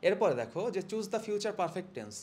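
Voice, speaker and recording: A man's voice: high voice, sing-song, a little slow, a little mellow. A young man teaching an English grammar lesson casually, asking his students questions and answering them himself. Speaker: exam-prep English teacher. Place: classroom or studio, indoors. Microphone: phone or mic held near the mouth.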